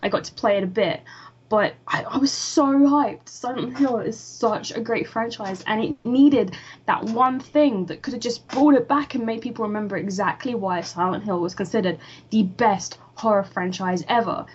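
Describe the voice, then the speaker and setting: A woman's voice: fairly high pitch, moderate pace. A woman co-hosting a casual podcast, ranting with a sarcastic edge. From United Kingdom. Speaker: podcast co-host. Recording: dull lo-fi with faint noise.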